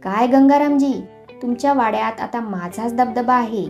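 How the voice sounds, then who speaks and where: A woman's voice: fairly high pitch, normal speed, darkish tone, faint music behind, lightly acted. A woman voicing a small, brave, cheeky male mouse in a storybook tale, teasing and mocking in a raised voice. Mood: taunting.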